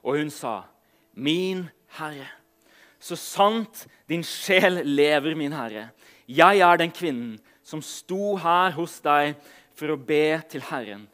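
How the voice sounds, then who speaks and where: A man preaching a sermon, reading scripture aloud and then talking casually with some hesitation, letting his phrase endings trail off softly. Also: fairly high pitch, lively intonation.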